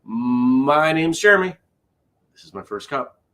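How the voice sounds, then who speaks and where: A tired man hosting a relaxed morning livestream, talking easily to his viewers. His pitch rises and falls a lot, lively and animated even while he sounds worn out. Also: measured pace. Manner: tired, chatty, reads out viewer comments. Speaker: host. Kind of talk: casual morning livestream chat.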